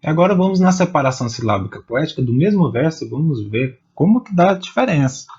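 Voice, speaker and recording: A man teaching poetry, explaining slowly and patiently and spelling out syllables one at a time. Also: fairly high pitch, big pitch swings, darkish tone, husky, lo-fi sound. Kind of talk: explaining step by step.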